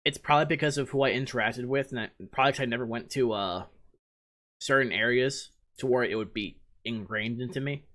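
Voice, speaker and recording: A man's voice: mid-range voice, fairly quick, bright, forceful tone. A man from New Jersey hosting a podcast, chatting casually and rambling through a list of snack flavors. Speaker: podcast host. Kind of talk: casual chat.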